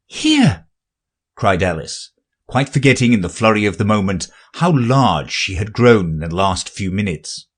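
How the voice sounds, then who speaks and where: A man narrating a storybook audiobook in a measured, expressive way. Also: medium pitch.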